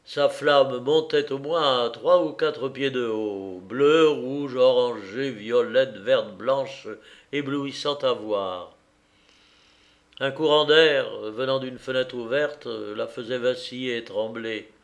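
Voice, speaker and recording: A man reading a literary story aloud in a slow, measured, expressive way. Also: mid-range voice. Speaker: audiobook reader. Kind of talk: literary narration.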